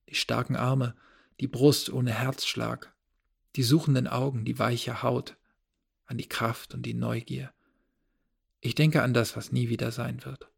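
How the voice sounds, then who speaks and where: A male narrator reads a first-person novel with a measured, low-key delivery. His voice is gravelly, with a husky, breathy grain. His pitch sits in a middle range for a man. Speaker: audiobook narrator.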